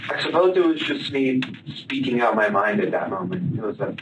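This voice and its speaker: Halting, flat-voiced man in an echoey room. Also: mid-range voice. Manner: halting, flat, matter-of-fact. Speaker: suspect being interviewed. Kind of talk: police interview. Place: police interview room. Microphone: far-off room camera. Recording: echoey noisy room from far off.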